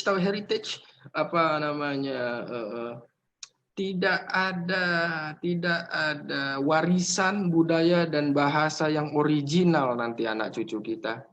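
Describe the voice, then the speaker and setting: A man's voice: a little high, unhurried, fairly bright tone. A middle-aged man with an Indonesian accent, a university lecturer giving a casual, joking classroom lecture and teasing students by name.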